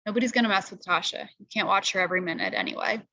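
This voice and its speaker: A woman reading aloud, voicing a calm, secretive older boy who talks in a steady, firm, low-key way. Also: very fast.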